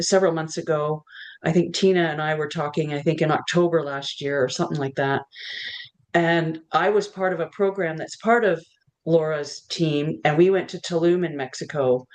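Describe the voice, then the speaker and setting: A woman author and community leader speaking on a video call, excited and heartfelt, with hesitant fillers. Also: low voice. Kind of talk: info session talk.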